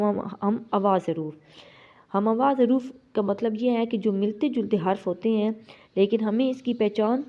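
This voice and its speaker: A woman teaching Quran reading, explaining pronunciation step by step and drawing out single letters slowly to demonstrate. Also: mid-range voice, lo-fi sound.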